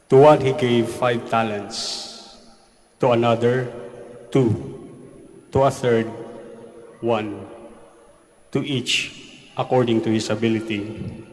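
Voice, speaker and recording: A man reading the Gospel aloud at Mass in a slow, measured liturgical manner, his voice carried by a cathedral echo. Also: mid-range voice. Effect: cathedral echo, long church reverb. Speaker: priest or deacon reading the Gospel. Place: large church during Mass. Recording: reverberant church recording, faint noise.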